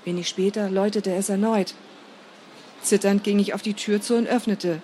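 A woman narrating a first-person story in a measured, steady reading voice. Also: mid-range voice, slight background noise.

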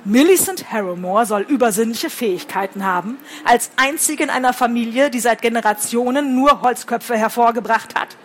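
A woman's voice: a little high, moderate pace, few pauses, close to an everyday voice. A woman doing a scornful hissing male spirit. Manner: hissing, disdainful. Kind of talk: reading a novel aloud.

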